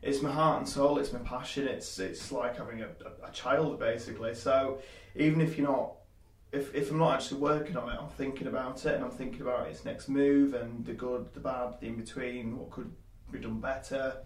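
A man's voice: medium pitch, fairly even intonation, brisk, hardly any pauses, echoey room. A man in his twenties with a Yorkshire accent, a guest in a casual interview, rambling with many fillers and restarts. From Leeds, England. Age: 20s. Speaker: guest, small business owner.

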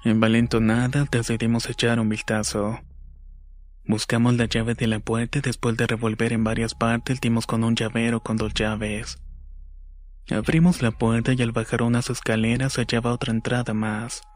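A man giving a slow, measured scripted narration of a horror story. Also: medium pitch, level tone.

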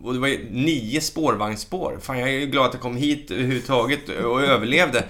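A man with a bright, forceful voice tells stories in a relaxed chat. He acts out the jokes as he goes and swears freely. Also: medium pitch. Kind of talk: casual chat, telling comedy anecdotes.

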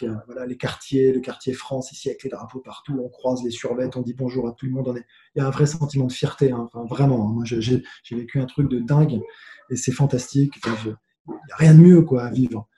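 A man's voice: medium pitch, quick pace, slight background noise. A man, a guest on a remote call, tells a story casually and with energy, swearing and restarting his sentences often. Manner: animated, swearing, many restarts. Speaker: guest, former tennis player. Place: home with noise nearby. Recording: roomy echo.

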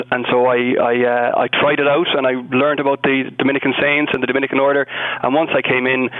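A young man with a west of Ireland accent, explaining things conversationally as a guest in a radio interview. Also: medium pitch. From Galway, west of Ireland. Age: young adult. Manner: explanatory, discursive. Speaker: interview guest, Dominican friar. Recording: phone-like narrow band.

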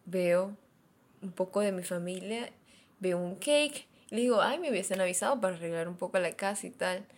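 A young woman, chatting on her podcast about her week. She talks in an animated way and repeats little phrases for effect, with a pitch that sits in the middle for a woman. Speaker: podcast host. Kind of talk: casual storytelling chat.

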